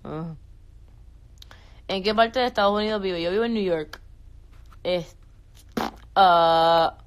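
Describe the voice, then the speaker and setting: A woman's voice: mid-range voice, fairly bright tone. A young woman, chatting on a phone live stream, reading viewer questions aloud and answering casually. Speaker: social media creator.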